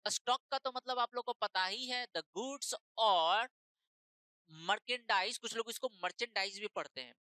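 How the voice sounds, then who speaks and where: Female tutor, exam-prep lecture, bright clear voice, dry close recording, slow over English text. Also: a little high, animated, no room sound, poor audio. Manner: explains in Hindi mixing in slow English phrases, repeats points. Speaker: teacher.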